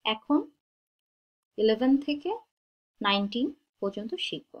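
Slow, deliberate woman teaching German. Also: on the high side, dull audio. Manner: repeats each word twice, slow and deliberate. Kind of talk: slow-paced language lesson.

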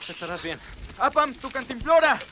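An actor voicing a young soldier urgently reassuring a wounded comrade in a dubbed war film. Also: male voice, very high voice, sing-song, normal speed, background noise.

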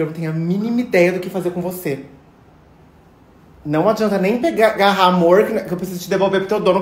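Expressive young man, echoey room. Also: sits high. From Brazil. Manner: chatty and expressive, coaxing a pet in a sweet voice. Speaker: influencer. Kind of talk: casual phone stories vlog. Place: indoors at home, apartment rooms.

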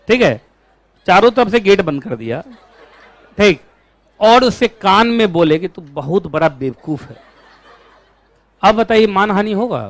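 A man teaching a law class, lecturing in an animated way and asking his students questions all the time. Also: sits high, no room sound.

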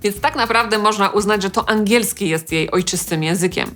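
A woman from Poland hosting an English-language lesson, explaining clearly and calmly with touches of humor. Faint music sits under her voice. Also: mid-range voice, brisk. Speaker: language teacher host. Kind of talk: educational vlog.

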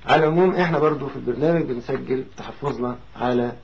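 Quick Egyptian male TV host. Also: mid-range voice, dull audio, a little hiss or hum. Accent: Egyptian Arabic. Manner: measured, formal in his statements. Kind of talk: interview.

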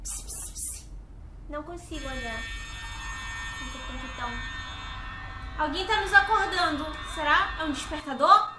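Young woman, Brazilian accent, very high voice, playful gaming commentary, roomy sound. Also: lively intonation, normal speed, long pauses, noisy background. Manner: playful, exclamatory, dramatic reactions. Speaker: gaming video host. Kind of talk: excited gameplay commentary with friends. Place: small indoor gaming room. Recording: roomy echo, game music behind. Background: video game music.

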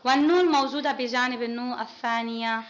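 Female kindergarten teacher, high voice, patient and encouraging, classroom recording with a dull muffled sound. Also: fairly even intonation, fast talker. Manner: patient, praising, quizzing pupils one by one. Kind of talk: classroom phonics lesson. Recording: muffled lo-fi with faint noise.

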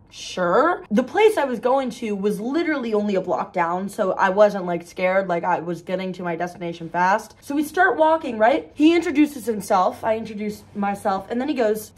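A young woman vlogger chatting casually and telling a story, acting out the quoted lines in an animated way. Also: fairly high pitch. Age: young adult.

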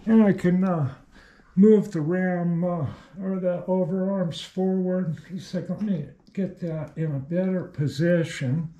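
A man's voice: sits high, steady tone, measured pace, warm tone. An older man giving a casual, folksy demonstration in his small home machine shop, rambling with fillers and restarts as he works.

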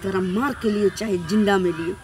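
A woman's voice: medium pitch, fairly quick, music in the background. A woman with a Maithili accent playing a harsh, scolding mother-in-law in a comedy sketch. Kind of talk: scripted comedy sketch acting.

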